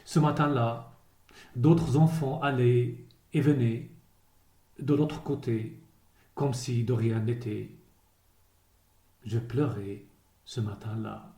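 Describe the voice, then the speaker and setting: A poet with a steady, medium-pitched voice reads his poem very slowly, solemn and measured. His tone is mellow and soft-edged, the grave delivery punctuated by pauses, and the roomy recording carries noticeable echo.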